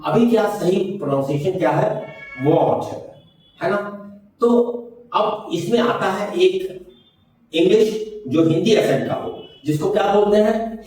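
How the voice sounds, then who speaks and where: A man's voice: high-pitched, darkish tone. Older man teaching in an echoey room. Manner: explains patiently, drilling words and mixing English with Hindi. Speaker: English teacher. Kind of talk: classroom spoken-English lesson. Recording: very echoey room, mic far off.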